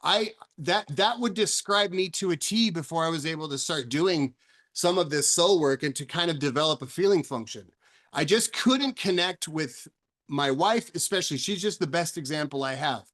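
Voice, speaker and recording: A man's voice: on the high side, animated, normal speed, fairly bright tone. A man giving a reflective solo talk on recovery, earnest and personal, often restarting and repeating words as he thinks aloud. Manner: personal and searching, asks questions aloud. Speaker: author and speaker on recovery.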